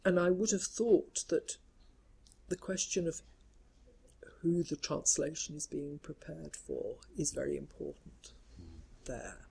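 A woman scholar talking in a measured, reflective way, building long careful sentences in an academic discussion. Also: low-pitched, vocal fry, dark tone, slightly rough, poor audio. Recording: faint background noise.

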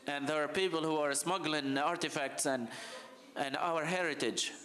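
A man from Libya gives a conference talk with slides, speaking passionately and urgently, halting often with fillers. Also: fairly high pitch, sharp tone. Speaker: heritage official presenting.

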